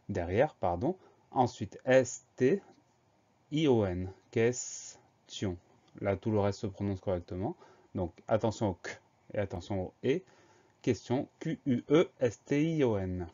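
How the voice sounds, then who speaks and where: A man's voice: lowish voice, mellow. A man giving a spelling dictation lesson, patiently spelling out each word letter by letter. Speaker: spelling teacher. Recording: dull lo-fi recording.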